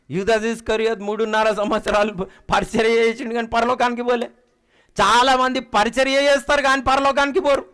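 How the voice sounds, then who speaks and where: A middle-aged man preaching a sermon, emphatic, swinging between loud exhortation and quiet low asides and calling out questions to the congregation. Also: vocal fry.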